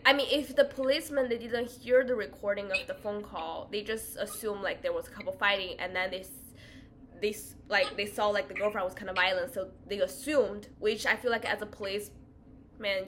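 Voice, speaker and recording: A woman's voice: mid-range voice, fairly even intonation, fairly quick, fairly bright tone, a little hiss or hum. A woman from China co-hosting a casual podcast, talking in a loose, filler-heavy way from home. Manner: chatty, many fillers. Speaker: podcast co-host. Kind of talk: casual chat. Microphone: home recording.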